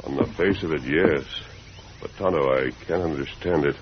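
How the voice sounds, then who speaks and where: An American man acting a masked western hero, stern, formal and commanding, in an old radio drama with a muffled, noisy recording. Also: a bass voice. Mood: suspicious. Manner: deliberate, formal, authoritative.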